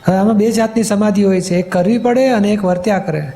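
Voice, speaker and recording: High-pitched, mellow-voiced man teaching patiently. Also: quick pace, gravelly. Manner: patient, explanatory, asks rhetorical check questions. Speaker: spiritual teacher answering questions. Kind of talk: spiritual question-and-answer talk.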